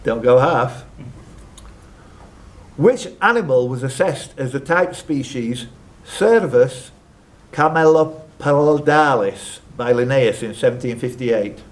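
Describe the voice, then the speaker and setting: In a noisy live recording from a social club room with ambient noise behind him, a man hosts a quiz. His medium-pitched voice has lively intonation and an unhurried pace as he reads out questions and chats with the contestants between them.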